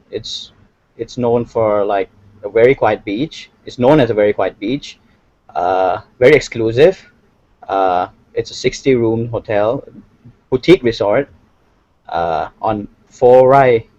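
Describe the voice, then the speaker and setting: A young man from Thailand answering interview questions in a hesitant, soft-spoken way. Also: fairly low pitch, dry recording. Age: young adult. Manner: hesitant, many fillers and restarts, soft-spoken. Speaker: interview guest, hotel owner. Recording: dry, slightly dull audio.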